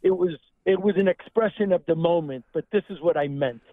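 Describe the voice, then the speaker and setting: A man's voice: a little high, brisk, no echo. A man in his sixties calling in to a radio show, speaking earnestly and from the heart over the phone. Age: 60s. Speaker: caller. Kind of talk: call-in radio chat. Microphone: telephone. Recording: tinny phone line.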